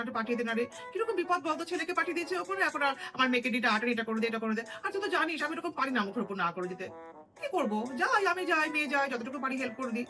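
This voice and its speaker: A middle-aged woman doing a chatty, gossipy comic monologue as a mother talking to friends on a call, with sudden scolding bursts. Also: sits high. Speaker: comedy video creator.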